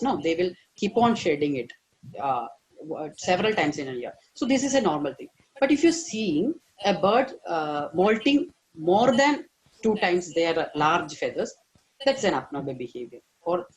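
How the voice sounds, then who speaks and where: A man's voice: fairly high pitch, low-quality recording. A man giving an online veterinary lecture, hesitant with many fillers and stressing key words.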